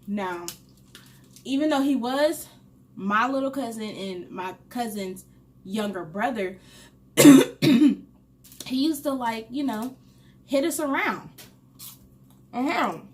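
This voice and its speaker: A young adult woman hosting a mukbang, casually telling a funny story while eating, animated and swearing freely. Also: high-pitched, slow pace, long pauses. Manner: candid and animated, swears freely, laughs at her own story. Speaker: mukbang host.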